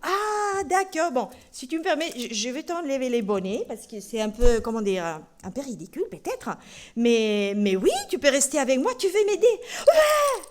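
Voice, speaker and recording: A woman's voice: fairly high pitch, moderate pace, slight background noise. A woman preacher giving a playful children's sermon in a church. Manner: lively and playful, talking to children.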